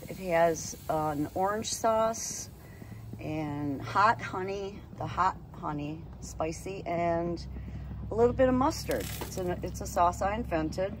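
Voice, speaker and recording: Slow, chatty woman filming outdoors. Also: on the low side, a little hiss or hum, low-quality recording. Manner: chatty, unhurried, rambling asides. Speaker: home cook filming herself. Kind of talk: casual cooking vlog. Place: outdoor deck by a lake. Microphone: phone held in hand.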